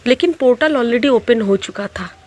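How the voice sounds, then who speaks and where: A middle-aged woman telling a personal story in a halting way, restarting often and mixing in English words. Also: fairly high pitch, expressive, darkish tone. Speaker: tarot reader.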